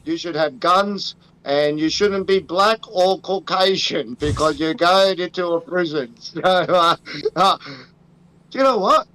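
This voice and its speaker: Aussie male co-host, high and bright, laid-back sweary banter. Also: unhurried, smooth, rough recording. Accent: Australian. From Australia. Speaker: podcast co-host. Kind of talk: casual chat.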